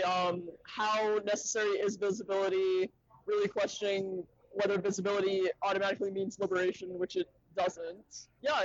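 Calling in remotely from a conference, this podcast guest is a young man from Little Rock, Arkansas, with a high voice and no echo. His casual interview answers come out thoughtful and academic, peppered with ums and uhs, over a dull, dry, lo-fi recording.

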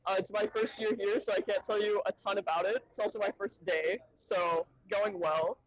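A young man from Little Rock, Arkansas, joins a podcast as a guest, speaking thoughtfully and academically with plenty of ums and uhs in a casual interview. His voice is high-pitched with fairly even intonation at normal speed. He calls in remotely from a conference, and the recording sounds dull, lo-fi and dry.

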